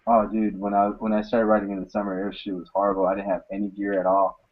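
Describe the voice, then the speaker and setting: A man's voice: fairly low pitch, monotone, fast talker, narrow, tinny audio. A young man chatting casually in a group with laid-back, slangy, profanity-laced delivery. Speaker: motovlogger in a group hangout.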